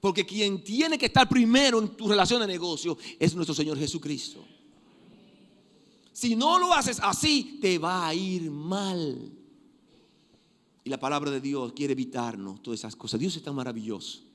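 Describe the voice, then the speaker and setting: A man preaching a sermon, emphatic and given to repeating phrases, shifting from loud exhortation to quiet prayer. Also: on the high side, expressive, normal speed. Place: church. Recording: long reverb of a church hall.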